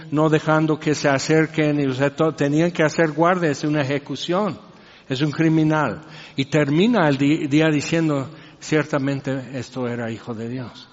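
A man's voice: on the high side, steady tone, measured pace. A man preaching a sermon in a conversational way, asking rhetorical questions and making joking asides. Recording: reverberant hall, dull lo-fi sound.

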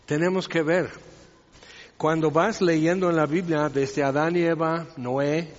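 A man preaching a sermon in a conversational way with wry asides, recorded in a church hall. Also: fairly high pitch. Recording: reverberant hall, dull lo-fi sound.

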